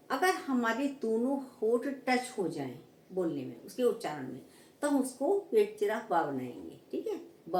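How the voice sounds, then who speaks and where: A woman teacher gives a grammar lesson, explaining patiently and often checking in with students by repeating "ठीक है" to confirm they understand. Her fairly high, slightly mellow voice comes from a distance in an echoey room.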